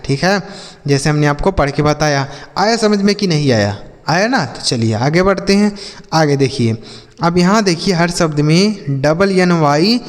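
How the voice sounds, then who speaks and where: A man gives a lesson on reading English words. His voice sits a little high, and a long hall echo trails after each word. He spells each word out letter by letter, asks what it says, then repeats the answer. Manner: calls viewers children and brother. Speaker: English teacher.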